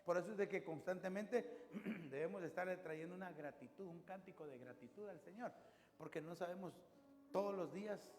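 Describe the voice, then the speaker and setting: Male pastor, high voice, storytelling sermon, reverberant room with music behind. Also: brisk. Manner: storytelling, conversational, lively rises and drops.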